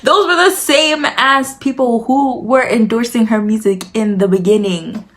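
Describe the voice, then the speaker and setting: A woman's voice: fairly high pitch, a little slow. A young woman hosting casual drama commentary, chatty, swearing freely and stacking filler words as she recaps. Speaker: commentary host.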